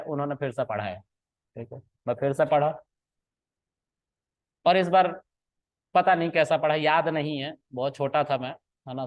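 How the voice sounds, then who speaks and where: A man explains a lesson in an easygoing, conversational way, checking in with his listeners again and again. His voice sits a little high, and the recording is narrow and tinny, like a phone line. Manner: conversational, frequent "ठीक है" and "है ना" checks; mixes English phrases into Hindi. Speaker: programming teacher. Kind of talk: casual lesson with a personal story.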